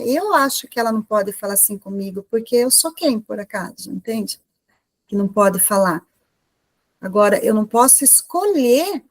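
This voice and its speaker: A woman with a Brazilian Portuguese accent gives an informal talk to a women's group, asking lots of rhetorical questions and tagging her sentences with quick checks. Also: fairly high pitch, no echo. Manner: conversational, full of rhetorical questions and tag questions. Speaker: guest speaker at a women's group meeting.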